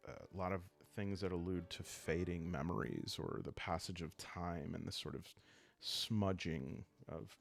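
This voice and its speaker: A man with a low, gravelly voice hosts a solo role-playing game channel, explaining things in a calm, unhurried ASMR manner. His phrasing halts and turns reflective as he goes.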